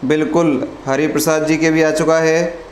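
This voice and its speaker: A man's voice: on the high side, level tone, a little slow. Echoey male teacher quizzing his class. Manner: asks students questions and answers them himself; calls his students "friends" over and over. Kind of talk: live online grammar lesson. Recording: echoey room with faint noise.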